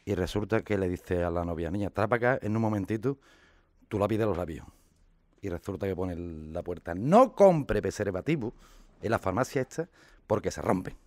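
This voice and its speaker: A man from Spain telling short jokes casually, lively and acting out the characters. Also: brisk, no room sound, studio quality. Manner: lively, acts out the characters with shifts in pitch. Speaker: joke teller.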